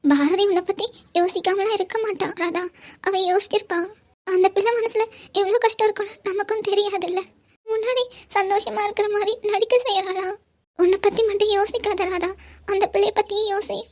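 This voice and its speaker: A woman voicing a gentle woman who soothes and reasons with a grieving friend in a cartoon drama. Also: extremely high pitch, steady tone, brisk. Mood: consoling. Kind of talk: cartoon voice acting.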